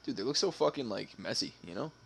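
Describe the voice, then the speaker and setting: A man's voice: medium pitch, animated, fast talker, creaky, a crowd in the background. A man co-hosting a live stream, chatting loosely with lots of profanity, laughter and hesitant fillers. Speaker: stream co-host. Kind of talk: casual chat.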